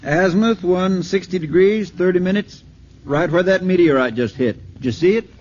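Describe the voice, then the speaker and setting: A man playing a shouting fire lookout. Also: sits high, moderate pace, slight background noise, natural voice. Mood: urgent. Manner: urgent, shouting over radio. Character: excited male fire lookout on radio. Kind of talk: 1950s radio drama acting. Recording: dull old radio broadcast recording.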